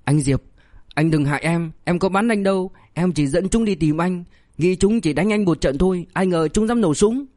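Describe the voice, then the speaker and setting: A man's voice: a little high, brisk, a little mellow, no room sound, clean studio sound, pitched above the performer's own voice, natural voice. A man voicing a panicky, cowardly, short and chubby young man who wails and pleads in an audiobook story. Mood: terrified pleading. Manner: wailing, pleading. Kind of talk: audiobook character voice.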